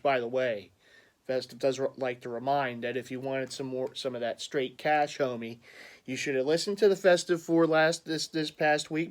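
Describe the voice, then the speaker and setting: Philly guy rambling about his teams, lots of uh the the restarts, kinda high voice. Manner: rambling, stammering restarts, frequent chuckles. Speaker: sports fan vlogger. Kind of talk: casual rambling vlog.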